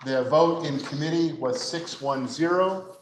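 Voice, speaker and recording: A man who serves as a state senator, giving a formal committee report on the floor in a measured, explanatory way with occasional fillers. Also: fairly high pitch. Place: legislative chamber. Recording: echoey chamber, noisy.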